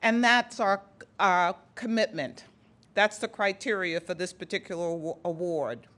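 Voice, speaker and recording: A woman's voice: lowish voice, normal speed, a bit bright. A woman with a Boston accent presenting an award at a conference, speaking earnestly with frequent restarts. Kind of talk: prepared speech at a podium.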